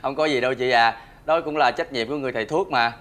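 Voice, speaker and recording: Calm male doctor, polite and caring, hesitant with fillers, played by a man. Mid-pitched. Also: quick pace, close to an everyday voice. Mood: reassuring. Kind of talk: web drama acting.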